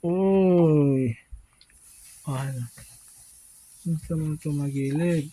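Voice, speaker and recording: A woman's voice: deep voice, drawn-out words, mellow, no room sound, poor audio. A woman filming a baby at home, coaxing and cooing encouragement in a casual home video.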